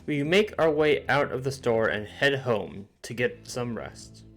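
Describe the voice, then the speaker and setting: A man's voice: mid-range voice, expressive, unhurried, faint music behind. Man reading game text steadily. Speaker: co-streamer reading a game aloud. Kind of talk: reading game narration aloud.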